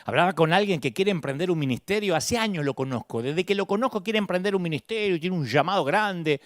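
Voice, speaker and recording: Animated Argentine preacher, high lively voice. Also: male voice, fairly quick, no echo, clean studio sound. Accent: Rioplatense Spanish. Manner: dramatic, acts out quoted voices. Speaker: pastor. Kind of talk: sermon.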